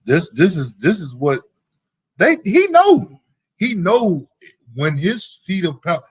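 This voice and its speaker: On a live talk show, a male podcast host preaches heated religious commentary, hammering home "you know what I'm saying" over and over. He has a high, sing-song voice that's slightly rough and slow, recorded without echo.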